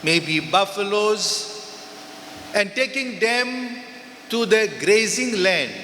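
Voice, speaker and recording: A man with a Goan accent, a priest reading the Gospel and preaching at a pulpit microphone in a large church, speaking in short, measured phrases. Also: high voice, bright, forceful tone, a little hiss or hum. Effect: heard through a pulpit microphone in a church. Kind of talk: Mass reading and homily. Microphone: pulpit microphone over church speakers. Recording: echoey church with long reverb.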